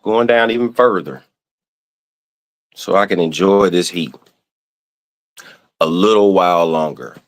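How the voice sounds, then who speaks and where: A man's voice: deep voice, unhurried, pauses often. A man with a Southern US accent, hosting a podcast, rants casually and swears with playful exasperation. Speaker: podcast host. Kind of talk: casual ranting monologue.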